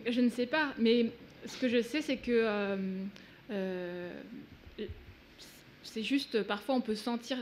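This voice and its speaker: Woman author with Russian as her first language, thoughtful and halting, slightly high voice. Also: darkish tone, slight background noise. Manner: searching for words, many hesitations. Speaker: author guest. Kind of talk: reflective talk. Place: event hall.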